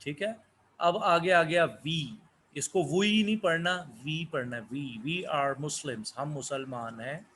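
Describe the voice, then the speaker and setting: A man whose first language is Urdu, giving a slow English lesson, asking questions and answering them himself. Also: fairly high pitch, animated, a bit bright, slight background noise. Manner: asks questions then answers them, repeats words. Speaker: English teacher.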